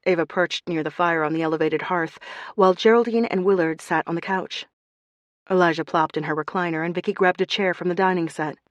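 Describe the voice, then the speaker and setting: Audiobook read: a woman with a low voice and close, dry sound, steady narration. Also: fairly quick, dry recording, dull audio. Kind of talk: scripted narration.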